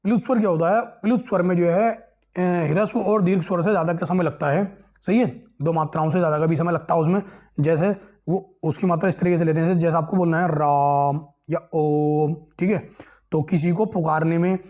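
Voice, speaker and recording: A man's voice: on the high side, steady tone, normal speed, a little mellow. A male teacher giving an exam-prep grammar lesson, asking questions and answering them himself, repeating key terms and checking that students follow.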